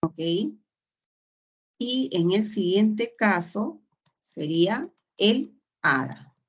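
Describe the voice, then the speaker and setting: A woman's voice: medium pitch, animated, extremely slow, breathy edge. A woman teaching a grammar lesson, explaining patiently and checking in with short tag questions. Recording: dull lo-fi sound.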